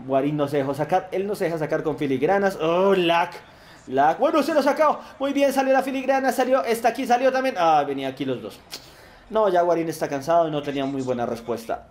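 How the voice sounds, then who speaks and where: Young man, Colombian accent, high voice, excitable, gaming commentary, chatty with viewers. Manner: excitable, shouts at plays, chatty asides to viewers. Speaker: gaming YouTuber. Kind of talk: live football game commentary.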